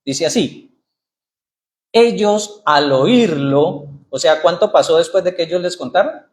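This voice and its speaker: A man's voice: fairly high pitch, fairly quick. A man preaching a sermon in church, asking the congregation questions and reading scripture aloud with rising emphasis. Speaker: pastor.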